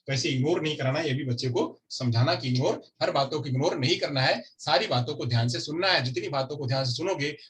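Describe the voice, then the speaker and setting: A man's voice: mid-range voice, a bit bright. A man teaching a lecture class who keeps repeating key terms and asks and answers his own questions. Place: classroom with a board.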